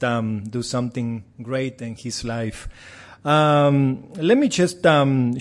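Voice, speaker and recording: A native Spanish speaker from Argentina, a man in his forties with an Argentine Spanish accent, talks to a church in a chatty, friendly missions report, adding light humor at his own expense. His voice sits in the mid range.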